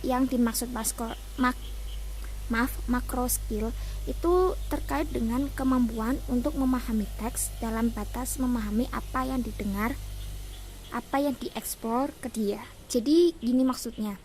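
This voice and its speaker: A woman's voice: fairly high pitch, a little slow, a little mellow, slight background noise. A young woman from Indonesia giving a casual class presentation as a student, hesitant, with many fillers and restarts. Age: young adult.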